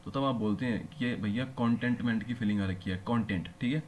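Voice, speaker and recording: A man's voice: medium pitch, brisk, a little mellow, a little hiss or hum. Man teaching with frequent check-in questions. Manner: explains patiently, checks understanding with frequent rhetorical questions. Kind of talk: classroom lecture.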